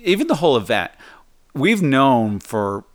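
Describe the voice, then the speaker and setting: A man's voice: mid-range voice, big pitch swings, a little slow. Hesitant, skeptical man co-host. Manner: hesitant, restarts often, skeptical. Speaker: podcast co-host. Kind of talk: casual comedic couple chat.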